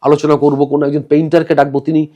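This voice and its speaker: A man's voice: on the high side, very fast. A man, a theatre director as podcast guest, explaining his rehearsal methods animatedly and mixing in English terms. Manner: animated, acts out quoted dialogue. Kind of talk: podcast conversation.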